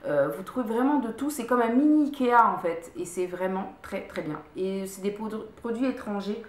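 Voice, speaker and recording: A woman's voice: mid-range voice, expressive, moderate pace, echoey room. A woman vlogger casually reviewing her favorite products at home, chatty, repeating words and stopping to restart often. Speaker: beauty vlogger. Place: room at home.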